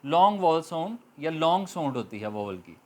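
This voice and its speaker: A man with a Pakistani accent teaches grammar in a patient classroom manner. His voice sits high, and he stretches each example word slowly and repeats it. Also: very animated, darkish tone. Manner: slow, patient explanations with repeated drawn-out example words.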